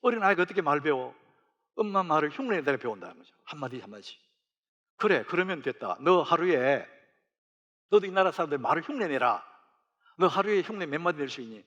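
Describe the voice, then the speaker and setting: Middle-aged male pastor, storytelling sermon, animated, higher-pitched delivery. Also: a little fast, lo-fi sound. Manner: storytelling with lively rising emphasis. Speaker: senior pastor.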